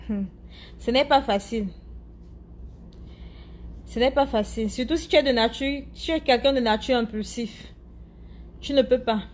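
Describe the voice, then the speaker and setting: Answering comments from viewers during a live stream, a woman with an African French accent keeps up casual chat commentary. Her voice is a little high, there's some hiss or hum, and she frequently searches for words and says things twice.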